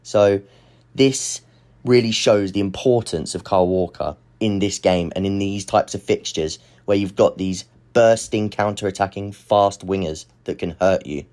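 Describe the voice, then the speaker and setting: Low-voiced man breaking down football tactics. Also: normal speed, hardly any pauses, darkish tone. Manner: analytical, explaining step by step. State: slightly breathless. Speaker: football analysis channel host. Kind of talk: tactical football analysis voice-over.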